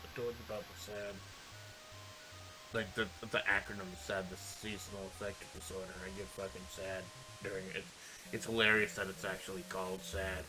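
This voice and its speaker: A man's voice: low-pitched, flat delivery, normal speed, music in the background, low-quality recording. A man chatting casually on a live stream, laid-back and swearing freely, sometimes mumbling. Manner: mumbles at times.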